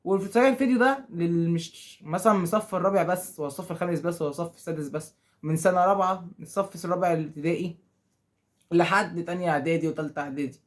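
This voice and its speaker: A man's slightly high voice moves very fast as he teaches school pupils grammar in an Egyptian Arabic accent. He asks question after question, answers them himself, and acts out how the pupils object.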